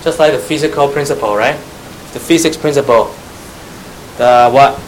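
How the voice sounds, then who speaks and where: A man's voice: medium pitch, normal speed, slight background noise, rough recording. A man teaching church history, spelling out terms letter by letter, glossing them in Chinese and quizzing his listeners. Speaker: Bible teacher.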